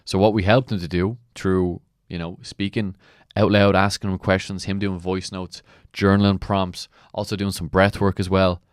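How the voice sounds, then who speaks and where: Male mentor, very low voice, emphatic motivational commentary, dry sound. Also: little pitch movement, normal speed, smooth, no echo. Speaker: mentor and coach. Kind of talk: motivational commentary on a client testimonial.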